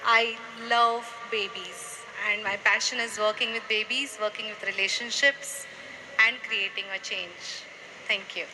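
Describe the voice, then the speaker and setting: A woman on a panel introducing her work with babies and telling a story in a measured way. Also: medium pitch, fairly even intonation. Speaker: panelist, infant specialist. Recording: noisy live event recording.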